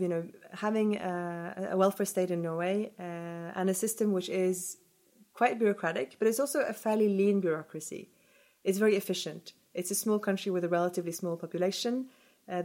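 A woman's voice: mid-range voice, a little fast, darkish tone. A woman researcher answering interview questions thoughtfully, with frequent fillers and hedges. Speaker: researcher guest. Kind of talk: podcast interview.

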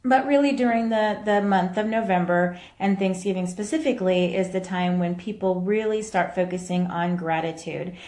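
A woman's voice: mid-range voice, fairly even intonation, normal speed, few pauses, darkish tone. A woman hosting a casual live video as a mom coach, chatting with viewers and reacting to their comments, recorded in an echoey room. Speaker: podcast host and mom coach.

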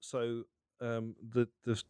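A man co-hosting a podcast, talking casually with lots of restarts and thinking out loud. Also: mid-range voice, completely flat delivery, takes it slowly, smooth, dry recording. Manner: talkative, thinks aloud with many restarts. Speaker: podcast co-host. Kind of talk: casual chat.

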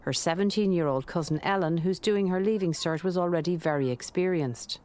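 Low-voiced Irish woman narrating. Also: fairly quick, a little mellow. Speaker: documentary narrator. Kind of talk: scripted narration.

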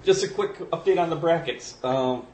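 A man's voice: on the high side, normal speed, darkish tone. A man co-hosting a podcast, chatting and explaining with lots of fillers. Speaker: podcast co-host. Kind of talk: casual chat. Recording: roomy echo with faint noise.

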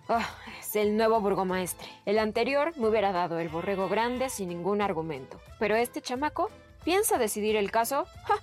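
A woman's voice: medium pitch, expressive, normal speed, faint music behind, natural voice. A woman voicing a boastful, grumbling male farmer in a children's storybook. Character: grumbling greedy middle-aged male farmer.

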